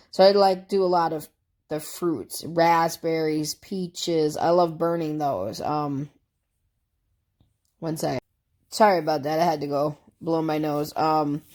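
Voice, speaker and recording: Fairly low in pitch with a darkish tone, this woman vlogger answers tag questions in a relaxed, chatty way. A cold has left her stuffed up, and she wanders along easily, dropping in fillers and side remarks.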